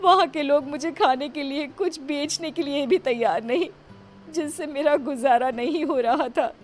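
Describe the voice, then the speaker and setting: A woman's voice: sits high, moderate pace, faint music behind, pitched above the performer's own voice, lightly acted. A woman voicing a pleading pregnant young widow. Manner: pleading, tearful.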